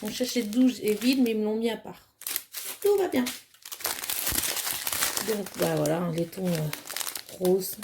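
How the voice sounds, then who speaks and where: A woman's voice: mid-range voice, moderate pace, background noise. A woman chatting casually as she unboxes a craft kit at home, hesitant with many fillers and plainly enthusiastic. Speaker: crafting vlogger.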